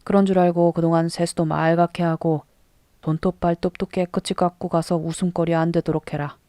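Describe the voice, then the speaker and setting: A woman's voice: on the low side, level tone, fairly quick, warm tone, dry recording, studio quality, natural voice. A woman reading the part of a strict older male Buddhist abbot who lectures a young novice. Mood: stern. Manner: strict, admonishing.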